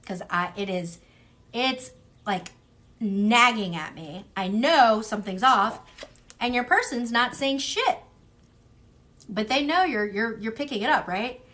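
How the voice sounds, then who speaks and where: A woman's voice: fairly high pitch, animated, a little slow, long pauses, fairly bright tone. Chatty woman giving a casual tarot reading. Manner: chatty, rambling, frequent fillers and laughs; slips into mimicking voices for people she describes. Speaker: tarot reader.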